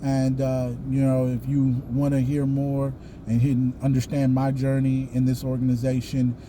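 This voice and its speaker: A man's voice: mid-range voice, completely flat delivery, normal speed, mellow, slight background noise. A man with a Southern US accent telling a personal story casually to viewers, with folksy, colloquial phrasing. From the American South. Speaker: video host.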